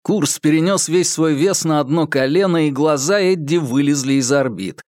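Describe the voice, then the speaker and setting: A man's voice: on the high side, normal speed, darkish tone, dry recording, clean studio sound. A man narrating a crime story as an audiobook, vivid and dramatic.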